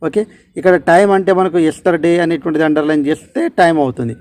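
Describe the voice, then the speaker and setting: A man's voice: on the high side, darkish tone. Man teaching English grammar. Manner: explanatory, repeats key words, reads English questions slowly. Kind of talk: exam-prep lesson explaining grammar questions.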